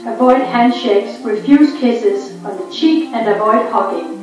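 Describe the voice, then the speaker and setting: Lady on a tannoy announcement, highish voice, far off and super echoey, music behind. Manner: measured, formal announcing delivery. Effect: tannoy loudspeaker announcement. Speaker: public address announcer. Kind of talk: formal announcement.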